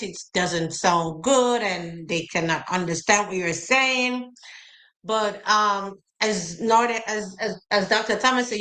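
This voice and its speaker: A woman's voice: mid-range voice, pushed and bright, poor audio. A woman with a Jamaican accent hosting a casual interview, friendly, putting viewers' questions to her guest with some hesitation. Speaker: host, teacher.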